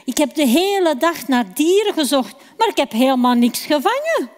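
A woman plays a worn-out young hunter, whining and eager for food, his voice climbing high and swooping. The sound rings with long reverb from a large hall. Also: sing-song, normal speed. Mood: pleading. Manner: pleading, whiny, eager. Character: hungry tired young hunter Esau, impatient.

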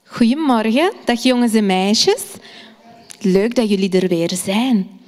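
A woman teaching children, asking them questions and telling a story gently, sometimes dropping to a whisper. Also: on the high side, animated, unhurried, long reverb tail, music in the background.

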